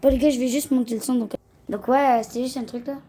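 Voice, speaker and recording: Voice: high voice, steady tone, quick pace, warm tone. A young gamer, chatting casually to viewers over a let's-play in slangy talk. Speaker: gaming video host. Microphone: phone.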